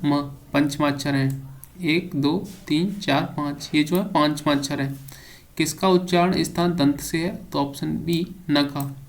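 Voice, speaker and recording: Man reading exam quiz answers. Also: a little high. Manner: reads questions then gives answers with brief explanations. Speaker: teacher. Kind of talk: exam prep lesson.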